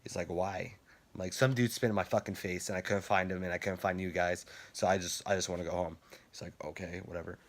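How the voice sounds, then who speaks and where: A young man with a fairly low voice tells stories casually. He rambles and swears freely, and he laughs now and then. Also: fairly even intonation, fast. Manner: rambling, profane, laughs while telling. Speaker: vlogger. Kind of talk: casual storytelling.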